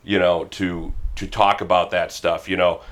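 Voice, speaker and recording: Deep baritone man hosting a podcast. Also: flat delivery, normal speed, fairly bright tone. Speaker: podcast host. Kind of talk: casual humorous chat.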